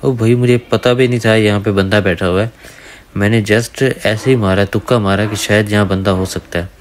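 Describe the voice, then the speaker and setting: Man, deep voice, monotone, casual gameplay commentary. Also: normal speed, background noise. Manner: casual, addresses viewers as brothers. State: dry throat from talking. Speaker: gaming YouTuber. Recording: faint gunfire under the voice.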